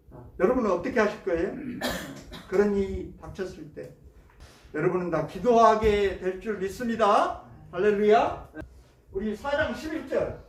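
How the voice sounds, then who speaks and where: A man's voice: high-pitched, a little hiss or hum. A male pastor preaching a sermon, asking the congregation questions and acting out prayers and complaints. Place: church sanctuary. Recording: roomy church sound from a distant mic.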